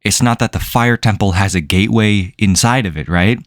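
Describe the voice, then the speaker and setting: A man's voice: fairly low pitch, a little fast, no room sound. A man giving sarcastic video commentary as a reviewer, with a dry, incredulous way of asking questions.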